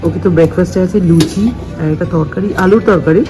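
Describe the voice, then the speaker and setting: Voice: mid-range voice, fairly even intonation, fast. Chatty vlogger over music. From West Bengal, India. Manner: chatty, talking straight to viewers, sprinkling in English words. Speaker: travel vlogger. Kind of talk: casual travel vlog.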